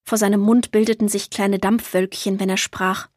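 A woman narrating a children's storybook in a calm, clear storytelling manner. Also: mid-range voice, normal speed, no room sound, studio quality. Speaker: audiobook reader.

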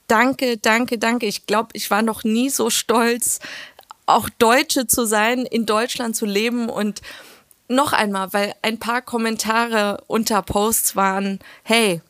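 A young woman with a somewhat high voice, co-hosting a relaxed political talk. She speaks earnestly and with feeling, in long unbroken runs. Her voice sounds close and dry, with no room around it. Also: dry recording. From Iran. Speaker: podcast co-host. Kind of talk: casual political chat.

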